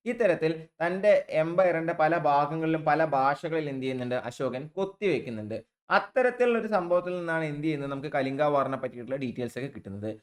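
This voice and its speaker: A man's voice: on the high side, animated, fast talker. A male exam coaching teacher with a Malayali accent, giving a recorded online lesson. He talks in a chatty, informal way, keeps asking his own rhetorical "what do we do?" prompts and calls his students children.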